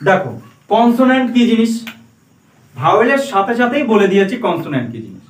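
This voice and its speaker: In a roomy classroom, a man teaches a lesson, quizzing pupils one by one and spelling out letters for them. His high-pitched voice is very animated and fast, and it's picked up from far away.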